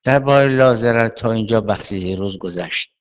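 Low-voiced man giving a seminary lecture. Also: muffled recording. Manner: measured reasoning, poses and answers questions. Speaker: Islamic jurisprudence teacher.

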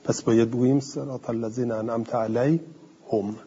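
Husky-voiced male teacher, dull reverberant recording. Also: medium pitch, steady tone, dark tone. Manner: reads a passage aloud, then explains it conversationally; asks the class questions and answers them himself. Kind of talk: classroom lecture on a classical text.

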